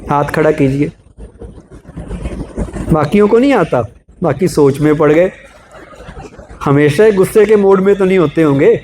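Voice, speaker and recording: Speaking at normal speed with long pauses, a man whose slightly mellow voice sits on the high side delivers a spiritual, motivational talk to a live crowd. He explains with everyday examples, asks rhetorical questions and calls for a show of hands, with slight hiss or hum in the audio.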